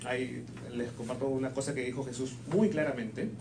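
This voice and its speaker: Here a man gives live consecutive interpretation of preaching, briskly and in a steady, mid-range tone. His delivery shows some hesitation and on-the-fly rephrasing. Echo fills the room, and background noise comes through clearly.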